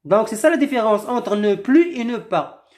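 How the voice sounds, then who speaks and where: A woman teaching a language lesson, reading a short text aloud and explaining each new word slowly, rephrasing it with several synonyms. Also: a little high, expressive, a little mellow. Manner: slow and deliberate, repeats and rephrases words with several synonyms. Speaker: French teacher.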